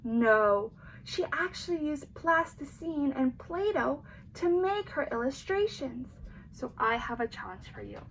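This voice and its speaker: This teacher's high-pitched voice moves unhurriedly as she reads a storybook aloud with lots of expression, talking straight to the young children and quizzing them along the way. Her delivery is lively and emphatic, captured on a rough recording with a little background noise.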